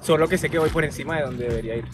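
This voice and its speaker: Venezuelan guy at a stadium talking fast and earnest, bit off mic, music under it. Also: fairly high pitch, distant mic. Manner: animated, talks in long earnest runs. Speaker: professional runner. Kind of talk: casual chat. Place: outdoor athletics stadium.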